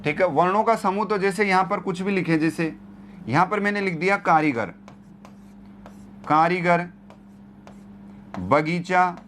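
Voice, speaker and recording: A man's voice: high voice, brisk, a bit bright, slight background noise. A man teaching Hindi grammar in an exam-prep lecture, repeating key terms and asking rhetorical questions. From India.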